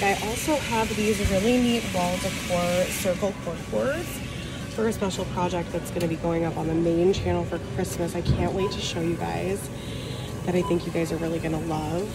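A woman vlogger with a congested voice, gushing excitedly as she shops through busy stores on camera. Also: mid-range voice. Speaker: shopping vlogger host. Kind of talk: casual shopping vlog. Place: busy stores on a shopping day. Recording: crowd and store noise behind.

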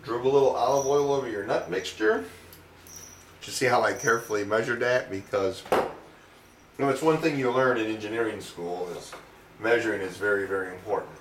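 A man's voice: on the low side, a little fast, background noise. A middle-aged man hosting a home cooking demonstration, talking casually with wry, self-mocking, rambling asides. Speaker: home cooking show host. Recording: roomy echo, distant mic.

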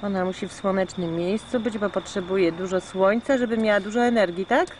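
A woman's voice: medium pitch, quick pace, darkish tone. A woman talks in an easy, chatty way to her family, explaining things to the children as she goes. Her voice comes through the built-in camcorder microphone of an old VHS home video, with a faint hiss underneath. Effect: old VHS home video recording. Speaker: mother filming family at home. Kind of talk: casual family chat. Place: home, near a lizard tank.

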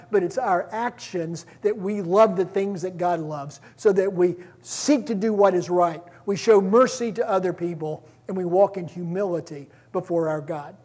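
A man's voice: sits high, a little mellow. A man preaching a conversational sermon, reading scripture aloud with frequent restarts.

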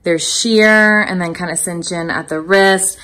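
A vlogger in her thirties talks through a clothing try-on indoors at home, filming on a phone at arm's length. She speaks at a measured pace in a fairly bright, lowish voice, sounding chatty, informal, and upbeat.

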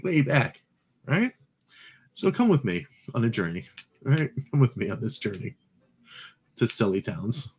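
A man hosting a retro game channel, talking casually over his gameplay, rambling and correcting himself with playful asides. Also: medium pitch.

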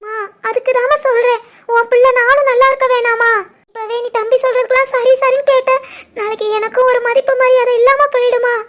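A woman voicing a scheming young village woman in an animated family drama, complaining and insistent, with a southern Tamil Nadu village dialect. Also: very high voice, a little fast. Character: sharp-tongued scheming young village woman, sister-in-law.

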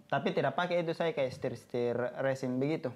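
A man with a Makassar accent, a podcast guest telling stories in animated casual chat. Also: mid-range voice, fast.

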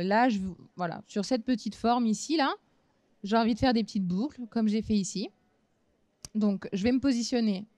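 A woman in her thirties giving a relaxed craft demonstration at a fair booth, talking casually with frequent hesitations. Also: mid-range voice, clean tone, no room sound. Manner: relaxed, chatty, many hesitant fillers. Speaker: craft instructor. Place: small trade-fair stage booth.

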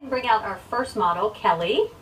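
A woman's voice: mid-range voice, normal speed, fairly bright tone. A woman presenting models on a live show, fussing over them and calling them darling and sweetheart. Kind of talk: live event commentary. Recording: distant mic with noise.

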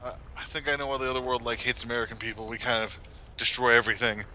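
Bright-voiced excitable man gaming. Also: medium pitch, racing. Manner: excitable, laughs often. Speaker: let's play co-host. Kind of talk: casual gameplay chat.

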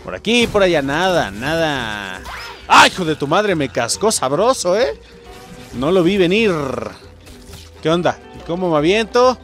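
Mexican guy playing a game and cussing at it, pitch jumping all over, game music faintly behind. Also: a little slow. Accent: Mexican Spanish. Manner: excitable, swears and yells at the game. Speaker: gamer host. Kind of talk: let's play commentary.

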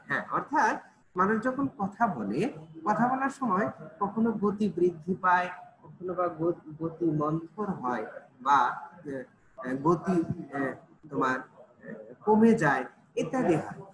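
A man's voice: high voice, fairly bright tone, slight background noise, rough recording. A man with a Bangladeshi Bengali accent teaching an online grammar class, explaining step by step and often checking that students follow. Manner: explains slowly, repeats and checks with "ঠিক আছে?".

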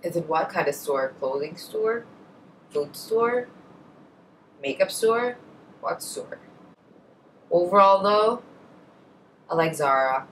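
Talking to camera from her bedroom, a young Indonesian beauty vlogger answers a tag with chatty, self-correcting remarks and wandering asides in an Indonesian accent. Her low, slightly bright voice is expressive and slow, broken by frequent pauses. The camera is a short way ahead of her, but the low-quality audio sounds distant and carries slight background noise.

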